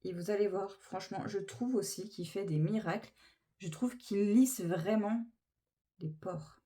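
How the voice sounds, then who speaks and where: A woman's voice: medium pitch, unhurried, dark tone. A woman chatting casually through a makeup tutorial, gushing with enthusiasm over each product. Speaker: beauty vlogger.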